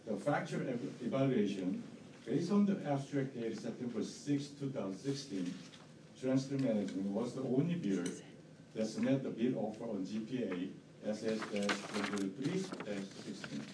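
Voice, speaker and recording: A man with a strong non-native accent delivers a formal statement at an indoor hearing, presenting a bidder's appeal partly read aloud in halting, repetitive phrases. His voice is lowish and animated. The recording sounds roomy, with a distant mic and faint noise.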